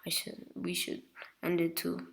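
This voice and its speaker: A woman's voice: on the low side, completely flat delivery, measured pace, gravelly, a little hiss or hum. Woman voicing Naruto, menacing young ninja. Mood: subdued. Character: overpowered young male ninja hero, cold and menacing. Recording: roomy echo.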